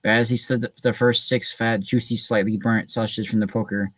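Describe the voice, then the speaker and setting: A man hosting a reading session and reading a story aloud in a relaxed way, with frequent restarts. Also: on the low side, fairly quick, no room sound. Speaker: host reading a book aloud. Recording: distant mic in a dry room.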